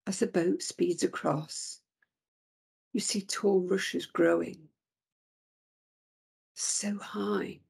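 A woman leads a guided relaxation at an unhurried, lingering pace, her voice low and gravelly. She speaks soothingly and often sinks into soft whispers, her tone heavily breathy throughout. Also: steady tone. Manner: slow, soothing, drifting into whispers.

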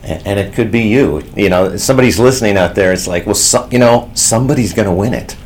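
A man conducting a radio interview, asking questions in a relaxed, conversational way. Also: fairly low pitch, quick pace, a little hiss or hum.

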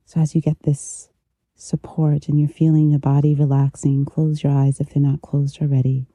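A meditation teacher guiding relaxation gently, with a soft, intimate delivery right in the listener's ear. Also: medium pitch, monotone, no room sound. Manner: slow, unhurried, gentle pauses. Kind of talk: guided meditation, soothing instruction.

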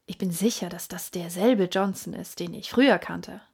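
Using a lowish, exaggerated voice, a woman reading an audiobook takes on the role of a calm, astute male detective. She makes him husky, measured, and inquisitive, sometimes lowering his words to a hush.

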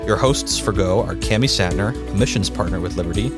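A man reading a scripted podcast introduction slowly and deliberately. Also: deep voice. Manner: slow, even and deliberate. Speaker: podcast announcer. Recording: voice over loud music bed. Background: loud instrumental music.

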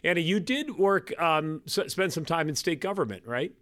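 A man in his fifties, a guest on a podcast, telling his story in a halting, self-deprecating way with many restarts. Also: on the high side, expressive, a bit bright, dry recording, studio quality. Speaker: guest, private equity partner. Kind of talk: casual podcast interview.

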